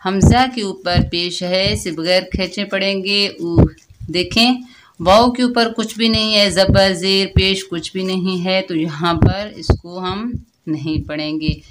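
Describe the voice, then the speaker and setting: A woman's voice: mid-range voice, fairly even intonation, slow pace, background noise. A woman teaching Quran recitation, patiently explaining each letter step by step.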